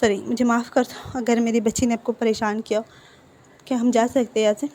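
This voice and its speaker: A woman's voice: a little high, flat delivery, brisk, dark tone, lightly acted. A woman voicing a protective young single mother who is anxious, apologetic to strangers and stern with her child.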